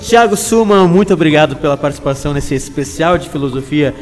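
A man's voice: fairly high pitch, lively intonation, quick pace. A man with a southern Brazilian accent hosting a casual, friendly interview. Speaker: interviewer and host. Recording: reverberant room with music underneath.

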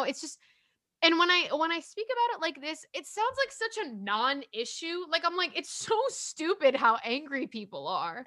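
A woman co-hosts a casual podcast, talking in an animated, rambling way full of fillers. Her voice is bright and forceful and sits fairly high, recorded close and dry with no room sound. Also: no room sound. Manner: chatty and animated, full of "like" and restarts. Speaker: podcast co-host.

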